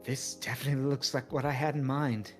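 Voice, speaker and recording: A gentle, reflective hive creature from a coffee-shop game, voiced live by a streamer. The voice sits in a middle register and stays soft and unhurried, with faint music underneath. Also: mid-range voice, fairly even intonation, pitched below the performer's own voice, lightly acted. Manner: soft, measured, thoughtful. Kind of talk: live voice acting a game's lines.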